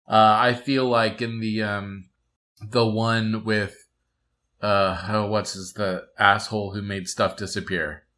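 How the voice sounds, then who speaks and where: Bright-voiced man rambling with fillers. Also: fairly low pitch, little pitch movement. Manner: rambling, halting with many fillers and restarts. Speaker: podcast co-host. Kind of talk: casual chat about a cartoon episode.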